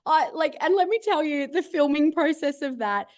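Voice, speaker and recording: A chatty, middle-aged woman with a fairly high voice tells a long story in a relaxed interview. She rambles, laughs often and talks with a lot of bubbly energy. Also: normal speed. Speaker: cosmetics business founder, grant winner. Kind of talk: casual video-call interview.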